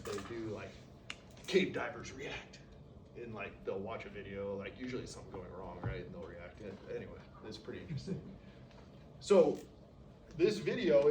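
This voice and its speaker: A male instructor giving a casual classroom lecture, often checking in with "okay?" and acting out patients. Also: medium pitch. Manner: casual, peppers sentences with "okay?", acts out patients. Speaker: respiratory therapy instructor. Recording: roomy, distant classroom recording with noise.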